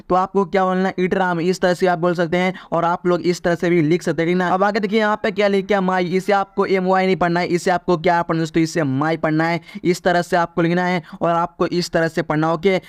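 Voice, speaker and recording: A man's voice: high-pitched, smooth, dry recording, clean studio sound. A man teaching English pronunciation in Hindi, drilling each word with repeated questions. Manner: repetitive quiz-style drilling with "theek hai na?". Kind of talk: Hindi-language English lesson.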